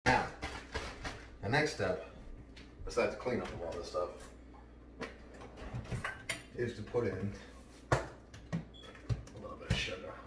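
A new man hosting a casual home cooking show speaks in a low voice, chatty and off-the-cuff, pausing often as he slowly works through a demonstration in a large indoor kitchen. The camera mic picks him up from a distance, then close to the camera, with roomy sound and background noise.

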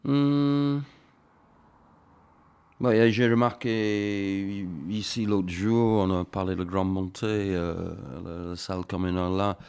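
Halting deep-voiced Englishman speaking French. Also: darkish tone, smooth. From England. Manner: halting, many fillers and restarts. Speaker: interview guest. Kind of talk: radio interview.

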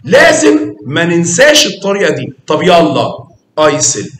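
A man's voice: a little high, wildly swooping pitch, normal speed, fairly bright tone, reverberant. A man with an Egyptian Arabic accent teaching math to young children, coaxing and quizzing them with praise.

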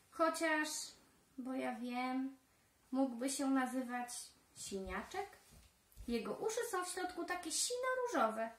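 A cheerful, curious little village girl from a storybook, read aloud by a woman. She speaks in a raised, bright voice, slow and gentle, with a roomy echo around her. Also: sits high, exaggerated voice.

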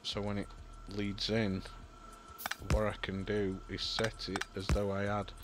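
A young gaming YouTuber with a Yorkshire accent talks his way through a building game, rambling, thinking aloud, and peppering it with ums and apologies. His pitch is fairly low, his delivery completely flat and a little slow, and background noise is audible.

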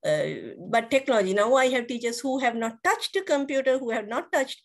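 A middle-aged woman from Sri Lanka, a guest on a video-call interview, hesitant, with many fillers and restarts. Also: a little high. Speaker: guest educator. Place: indoors, virtual background.

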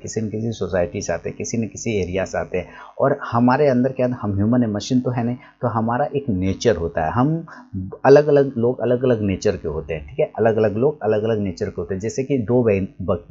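A man's voice: mid-range voice, dark tone, muffled recording. A man teaching a casual trading lesson, explaining patiently and repeating his points as he writes on a board. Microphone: recorded while writing on a board.

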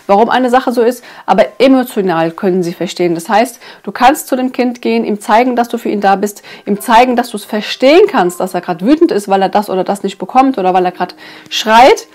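Woman vlogger, higher voice, casual and earnest, plenty of hesitant fillers. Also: a little mellow. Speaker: parenting vlogger reviewing a book. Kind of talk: casual explanatory talk to viewers.

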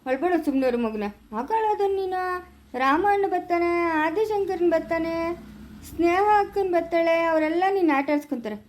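A woman with a rural Chikkaballapura Kannada accent playing a defiant, sharp-tongued grown village son in an amateur family skit, curt with his mother and gentle with a baby. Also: very high-pitched, expressive, moderate pace, a little hiss or hum. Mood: soothing. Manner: curt, dismissive, then soft cooing with a baby.

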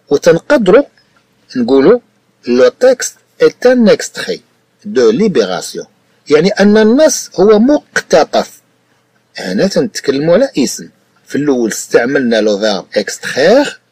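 A man's voice: mid-range voice, a little mellow, breathy edge, no room sound. A man with a Moroccan Arabic accent, teaching a French lesson patiently, repeating points and checking that the student understands. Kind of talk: explanatory tutoring lesson.

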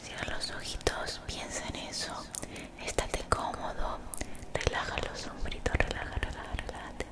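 A young woman gives soothing, motivational ASMR in a breathy whisper very close to the mic, gently repeating phrases. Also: normal speed. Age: young adult. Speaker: ASMR creator. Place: small bedroom, indoors. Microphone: desktop condenser mic, very close.

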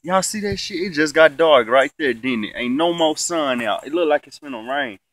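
A man's voice: fairly high pitch, expressive, moderate pace, a bit bright, slight background noise. A young man with a congested, sniffly, stuffy-nosed voice, chatting casually and swearing freely in a slangy, laid-back vlog. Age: young adult. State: sick with the sniffles. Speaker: vlogger. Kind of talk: casual rambling vlog chat. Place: outdoors in a yard, reclining in a chair. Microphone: phone at arm's length.

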